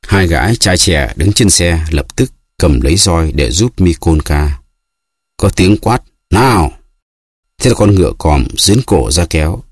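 A man narrating a literary novel as an audiobook, steady and expressive. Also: deep voice, unhurried, husky, dry recording, studio quality.

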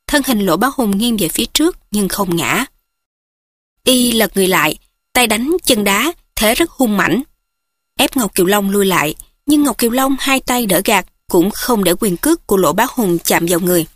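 A woman narrating a martial arts novel in a steady, measured reading. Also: medium pitch, dry recording, studio quality.

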